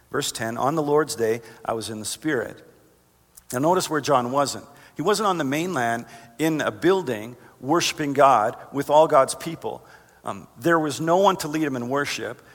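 A man preaching a sermon as pastor, earnest, reading verses and climbing higher for emphasis. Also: a bit bright. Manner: earnest, rises in pitch for emphasis. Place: church sanctuary. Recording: long reverb of a large hall.

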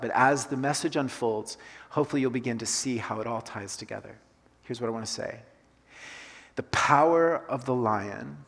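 A pastor who grew up in Colombia gives a conversational sermon, repeating his key phrases for emphasis. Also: mid-range voice. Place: church sanctuary. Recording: long hall reverb.

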